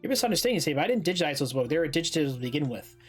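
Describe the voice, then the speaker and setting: A man's voice: fairly high pitch, big pitch swings, rapid-fire, slightly rough, faint music behind. A man reading aloud as a matter-of-fact female academy librarian on a stream. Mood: brisk.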